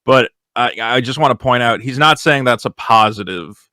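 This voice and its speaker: A man's voice: mid-range voice, normal speed, pushed and bright, dry recording, studio quality. A man who is a guest in a casual online debate, talking in a blunt, candid way over a computer microphone on a voice call.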